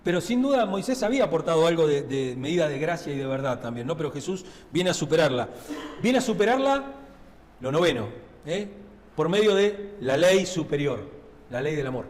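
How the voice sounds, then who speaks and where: High-voiced Rioplatense pastor in reverberant church. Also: male voice, very animated, a little fast. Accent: Rioplatense Spanish. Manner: conversational preaching with frequent tag questions. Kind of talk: sermon. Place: church sanctuary.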